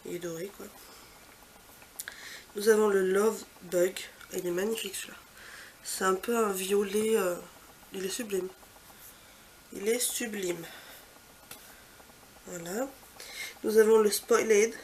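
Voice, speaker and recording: A woman vlogger chatting casually through a makeup swatch walkthrough. She gushes with repeated superlatives and trails off into soft, quiet asides. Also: mid-range voice, steady tone, slow pace, pauses often, a little hiss or hum. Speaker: beauty vlogger.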